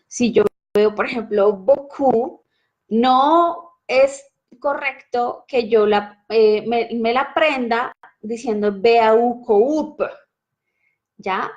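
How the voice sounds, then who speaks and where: Woman, French teacher, lively and direct, fairly high voice. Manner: lively, direct, addresses viewer with frequent check-ins. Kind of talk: casual teaching monologue.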